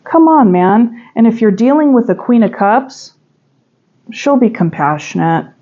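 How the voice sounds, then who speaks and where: Lady doing a tarot reading, slow and chatty, kinda dull lo-fi sound. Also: a little high, animated, dark tone. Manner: slow, musing, chatty, with fillers and sudden emphatic bursts. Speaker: tarot reader. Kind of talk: pick-a-pile tarot reading.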